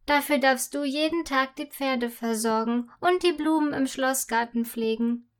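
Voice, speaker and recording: A woman's voice: sits high, a little slow. A woman voicing a young girl princess in a storybook, eager and dreamy.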